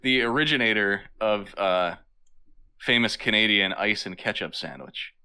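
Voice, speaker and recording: A man co-hosting a casual podcast with a fairly low but bright voice. He teases his co-host and laughs easily. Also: smooth. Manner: teasing, quick to laugh. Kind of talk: casual chat.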